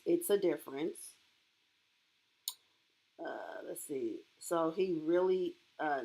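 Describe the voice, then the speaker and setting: A woman hosting a livestream, chatting casually and reacting to comments from her chat with laughs. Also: lowish voice.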